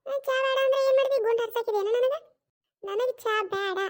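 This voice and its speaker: For a cartoon, a voice actor plays a stubborn older mother-in-law with a North Karnataka Kannada accent, pitched extremely high. She scolds quickly, firing off long, drawn-out, grumbling comebacks.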